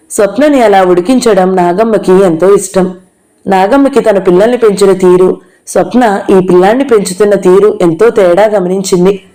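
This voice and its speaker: A woman narrating a novel in a steady, measured read. Her tone is dark and mellow, sitting at a middling pitch. She keeps an even storytelling pace throughout. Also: low-quality recording.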